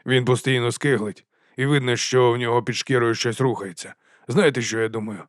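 A man voicing a gloomy, curt middle-aged watch captain in an audiobook, speaking slowly. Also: medium pitch, steady tone, no echo, studio quality, close to an everyday voice. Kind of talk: audiobook character voice.

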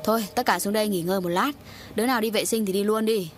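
Woman reading as a guilty dad in a horror audiobook, calm and soothing, covering it all up. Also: medium pitch, fast talker, music in the background, lightly acted. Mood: falsely reassuring. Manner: soothing, evasive reassurance. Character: guilt-ridden father, middle-aged man.

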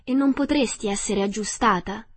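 A woman voicing a polite, gentle little girl. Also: on the high side, normal speed, slightly rough. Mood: kind.

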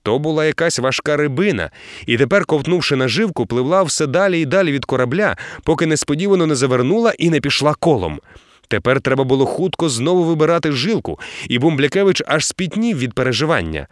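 A man narrating an audiobook in an expressive storytelling way. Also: a little high, quick pace, no echo, clean studio sound. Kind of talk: scripted narration.

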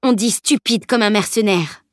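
A woman voicing a stubborn, tender teenage boy who often drops to a faint, breathy whisper. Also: medium pitch, moderate pace, dry recording, clean studio sound, lightly acted. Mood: calm defiance.

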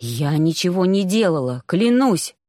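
A woman reading an audiobook, voicing a frightened young witch in a large man's body, speaking low, pleading and apologetic. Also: very animated, a little slow, mellow, no room sound, studio quality. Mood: flustered.

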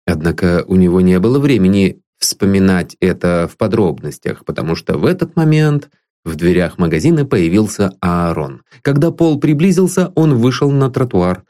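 A man's voice: low-pitched, expressive, moderate pace, mellow. A man reading a novel aloud as an audiobook narrator, telling the story expressively.

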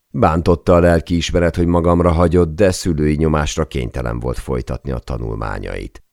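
A man reading a memoir aloud as an audiobook narrator, in steady storytelling delivery. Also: extremely low pitch, creaky, no room sound, clean studio sound. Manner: steady storytelling read, lightly voicing quoted speech.

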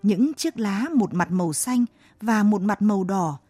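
Slow gentle woman telling a children's story. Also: medium pitch, husky, no room sound. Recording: dry close mic, faint music behind.

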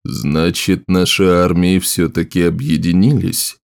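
A brutal, scarred raider king , as a male narrator plays him, speaking low and slow in a gruff, mocking growl. He gloats over plunder and destruction in a fantasy audiobook. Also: little pitch movement, dry recording, studio quality. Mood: gloating.

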